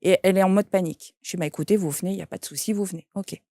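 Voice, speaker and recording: Woman telling a story, mellow. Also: on the low side, rapid-fire, no echo, clean studio sound. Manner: lively anecdote telling, quoting voices. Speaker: shaman and medium. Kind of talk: interview storytelling.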